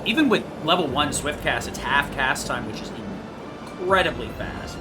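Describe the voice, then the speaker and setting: A man's voice: mid-range voice, expressive, moderate pace. A man giving casual, rambling, matter-of-fact commentary on his own speedrun, picking at his own mistakes. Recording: clearly noisy home gaming recording.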